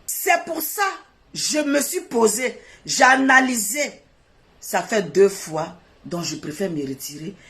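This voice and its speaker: A middle-aged woman, seated indoors, delivering an emotional and defiant monologue, swinging from loud outbursts to quiet mutters. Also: mid-range voice. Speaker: online personality addressing a rival. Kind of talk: emotional live video monologue.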